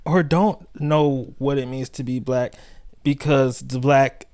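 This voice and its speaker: A man from South Central Los Angeles, co-hosting a podcast in loose, slangy casual chat, acting out quotes in high put-on voices. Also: fairly even intonation, slow pace, a little mellow, dry recording, clean studio sound. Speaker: podcast co-host.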